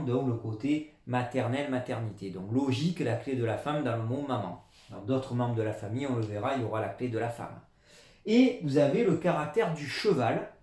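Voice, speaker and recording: A man giving a language lesson, explaining words patiently and stressing example syllables loudly, then dropping his voice low for asides. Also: reverberant. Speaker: Chinese language teacher.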